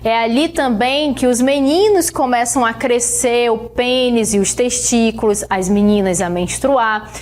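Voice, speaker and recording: In a recorded science lesson, a woman with a Brazilian Portuguese accent teaches in a slightly high, slightly mellow voice. She walks through each step slowly and keeps checking on her students with "né?" and "tá bom?".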